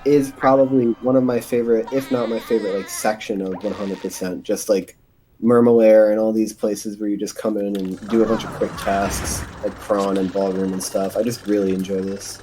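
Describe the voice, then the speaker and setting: A man's voice: fairly low pitch, steady tone, normal speed, mellow, slight background noise, low-quality recording. A man commentating on a live speedrun, explaining a trick in a hesitant way with many fillers and restarts.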